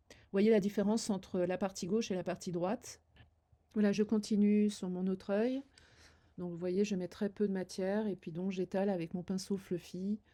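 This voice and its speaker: A woman's voice: medium pitch, dark tone. An older woman demonstrating a makeup routine, giving hesitant, friendly advice to viewers with many fillers. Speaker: beauty vlogger. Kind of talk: makeup tutorial, demonstrating as she talks.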